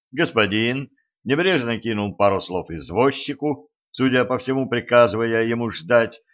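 Give me a man reading an adventure novel aloud with lively storytelling, in a muffled, lo-fi audiobook recording. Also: mid-range voice. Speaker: audiobook narrator. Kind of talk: scripted narration.

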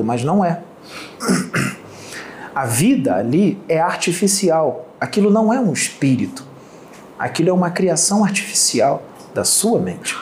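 A man with a fairly high voice delivers a channeled spiritual teaching, stringing phrases into long repetitive lists and asking rhetorical questions. He pauses now and then to clear his throat. The recording is roomy and echoey, with a faint hiss behind him. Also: a little mellow. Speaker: spiritual medium. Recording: roomy echo, faint background noise.

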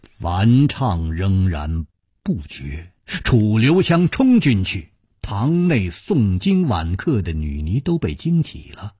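Man, traditional storyteller, slow dramatic narration, husky, lively pitch, dry close mic. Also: no echo.

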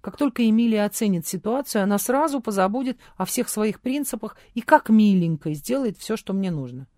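A haughty, suspicious woman answers in a cold, curt tone, voiced by a woman reading an audiobook. She speaks lower and slower than the narration, with a clipped, mocking manner. The sound is dry and close. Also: lively intonation, mellow, no echo, lightly acted.

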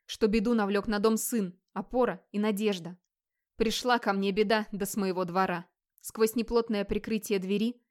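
A woman narrating a dramatic audiobook in a steady storytelling voice. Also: mid-range voice.

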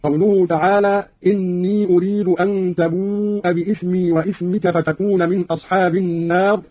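A man narrates in a formal, didactic manner, quoting a verse and then explaining how it is pronounced. His voice sits high and is recorded close and dry. The old radio archive gives the sound a muffled, lo-fi dullness. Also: flat delivery, normal speed, dry recording. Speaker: radio presenter explaining recitation variants.

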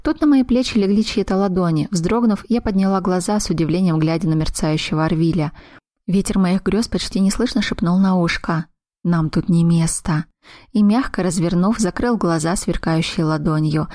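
A woman narrating a first-person fantasy audiobook, voicing each character's lines slowly and deliberately. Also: on the low side, dark tone, no echo, studio quality.

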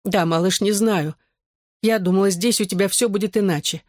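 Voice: moderate pace, a little mellow, no room sound, clean studio sound, natural voice. A reader voicing a frantic, overprotective mother who accuses a boy. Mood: tearful. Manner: shrill and accusing. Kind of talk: audiobook dialogue.

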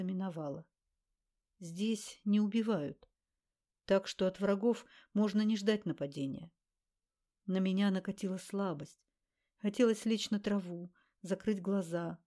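A woman narrating an audiobook in the first person with an even, measured reading. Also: mid-range voice.

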